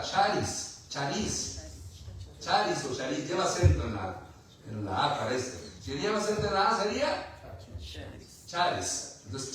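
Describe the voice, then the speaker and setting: Preacher in an echoey hall. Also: male voice, high-pitched, a bit bright, a little hiss or hum. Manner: preaching with rhetorical questions and humor. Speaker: pastor. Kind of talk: sermon. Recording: echoey room from far off.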